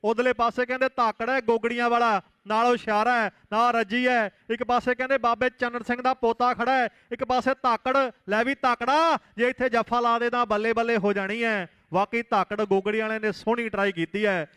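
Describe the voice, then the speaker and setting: A man's voice: extremely high pitch, flat delivery, fairly quick, hardly any pauses, a bit bright, clean tone, no echo. A man commentating live on kabaddi and making announcements in a declamatory way.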